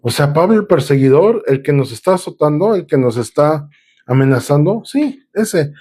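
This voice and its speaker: A man's voice: fairly high pitch, lively intonation, normal speed, dark tone, slightly rough. A man preaching a sermon, reading Bible verses aloud and explaining them in a conversational way, with filler sounds and restarts. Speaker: pastor.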